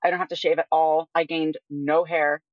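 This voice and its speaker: A woman in her twenties speaks candidly and informally as an interview guest in a casual personal conversation, often using "like" as a filler. Her voice is low-pitched and flat at a moderate pace, with no room sound and the highs cut off.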